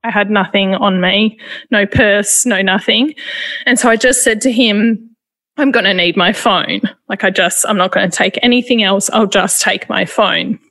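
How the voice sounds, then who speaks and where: A woman, retelling a painful personal experience in a halting, emotional way, with frequent restarts. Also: mid-range voice, fairly bright tone. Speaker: interviewee. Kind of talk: personal testimony.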